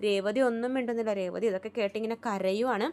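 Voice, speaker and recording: A woman retelling a TV serial episode in a rapid, chatty way, with frequent restarts. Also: mid-range voice, fairly even intonation, a little mellow. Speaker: serial recap vlogger.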